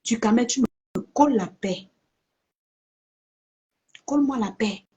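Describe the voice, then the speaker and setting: A woman rants straight at her followers in a vlog. Her voice sits a little high, and she hammers her points home with blunt, emphatic repetition. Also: takes it slowly, mellow. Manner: confrontational, emphatic, repeats for effect. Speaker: social media personality. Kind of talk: live video rant to followers.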